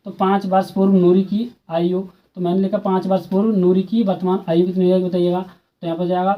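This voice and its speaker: The recording is muffled, but the man's voice comes through high-pitched, level and brisk, with a Hindi accent. He's explaining a school maths exercise from a textbook, chatting informally, repeating steps and asking his pupils questions.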